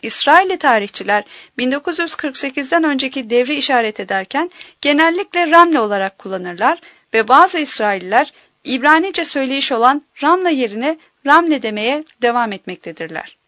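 Woman, high voice, audiobook narration, measured, careful diction, dry close sound. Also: lively intonation, fairly bright tone, no room sound.

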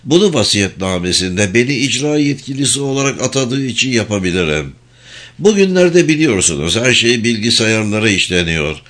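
A man reading a calm, firm lawyer. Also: mid-range voice. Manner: measured, patient, explanatory. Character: calm, firm middle-aged male lawyer executor. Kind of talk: audiobook character reading.

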